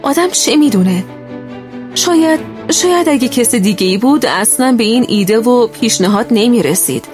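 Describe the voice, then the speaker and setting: A woman narrating a first-person children's story in a gentle, steady way. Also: on the high side, over music.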